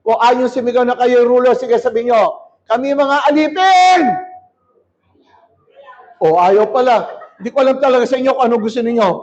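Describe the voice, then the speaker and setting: A male pastor preaching a sermon in a church hall, shouting and calling on the crowd to answer back. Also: extremely high pitch, normal speed, long pauses. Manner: shouting, rousing, calls for crowd response. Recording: dull lo-fi recording.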